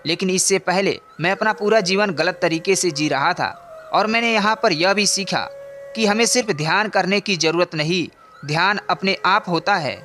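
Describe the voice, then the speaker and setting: A man voicing a young prince in a storybook, calm and reflective, speaking in a steady, earnest way. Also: high voice, normal speed, faint music behind. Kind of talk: scripted storybook narration.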